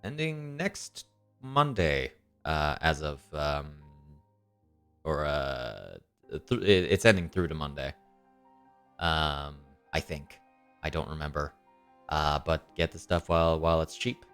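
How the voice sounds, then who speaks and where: Over soft background music, a young dungeon master recaps and hosts a tabletop session, filling his speech with ums and uhs. His voice is extremely low, clean, expressive and slightly nasal, delivered slowly, as he recovers from illness and tooth surgery.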